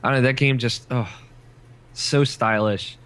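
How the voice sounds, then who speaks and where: A man's voice: medium pitch, steady tone, measured pace, fairly bright tone. A man talking passionately and casually, with enthusiasm and plenty of slangy filler words, like a podcast host. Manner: heavy use of 'like' and slang. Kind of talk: casual chat about video games.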